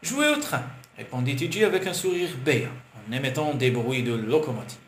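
A man's voice: mid-range voice, lively intonation, a little fast. Male audiobook narrator in a roomy space. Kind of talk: audiobook narration of a romance novel. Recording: roomy with faint hiss.

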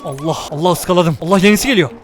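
Fast, high-voiced excitable gamer man. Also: loud music behind the voice. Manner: excitable, slangy, often shouting at the game. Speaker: gaming streamer. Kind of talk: let's play commentary.

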